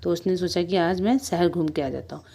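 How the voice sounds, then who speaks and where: Slow-reading teacher woman, slightly low voice. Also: creaky, dark tone. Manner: slow, repeating, asks the class questions. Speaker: primary school teacher. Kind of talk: storybook lesson reading with explanations.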